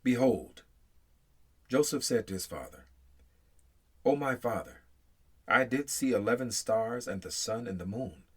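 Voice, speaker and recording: A man reads scripture aloud in English in a mid-range voice with a breathy edge. He is solemn and measured, shaping deliberate phrases that begin emphatically and fade out.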